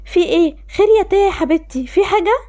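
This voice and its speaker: An offhand, dismissive mother, voiced by a woman with an Egyptian accent, pitched a little below her own voice but still high. She speaks quickly in a game-animation story. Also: expressive, dark tone. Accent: Egyptian Arabic. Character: indifferent mother who favors one daughter.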